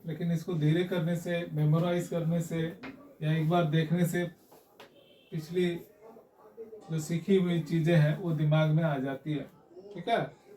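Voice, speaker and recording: A man teaching English grammar in a classroom lesson, explaining slowly and checking in with his students again and again. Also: fairly high pitch, level tone, warm tone. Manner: explains slowly, repeats and checks with "haan?" and "theek hai?". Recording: echoey room, mic far off.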